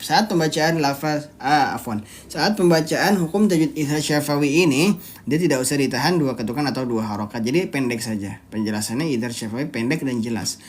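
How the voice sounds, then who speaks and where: A teacher leading a live online Quran recitation lesson, explaining each rule step by step, quizzing the students and stretching out the recited words slowly to demonstrate them. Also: mid-range voice. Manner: occasional throat clearing with apologies.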